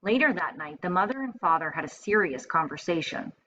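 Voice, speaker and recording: Somewhat bright and lowish, the teacher's voice is animated and a little quick as she reads a storybook to first graders. She keeps it expressive and simple for the young children, in a dull lo-fi home recording with faint background noise.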